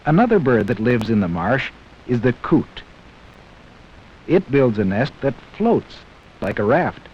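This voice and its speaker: The audio is a dull 1960s film soundtrack with a faint hiss. Over it, a man with a mid-range, lively-swinging pitch explains things to young viewers, his narration measured and scripted for teaching.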